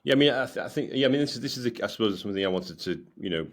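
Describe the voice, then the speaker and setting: With a fairly low, expressive voice, a British podcast host races through an interview. He stammers, repeats himself, and frequently starts his questions over.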